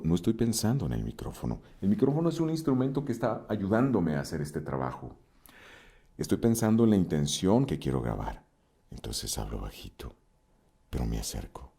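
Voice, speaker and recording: Male voice-over coach, deep and highly expressive, speaking close to a studio mic. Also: fairly quick. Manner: expressive teaching, swings pitch widely to demonstrate. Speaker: voice-over instructor. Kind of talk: spoken lesson on voice-over and microphone technique. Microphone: close studio microphone.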